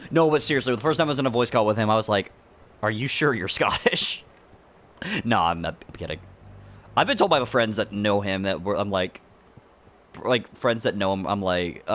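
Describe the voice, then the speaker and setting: Rambling, animated young man streaming. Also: on the low side. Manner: rambling, chatty, jokes and talks to a friend; often laughs mid-sentence. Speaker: streamer playing a video game. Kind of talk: casual let's-play commentary.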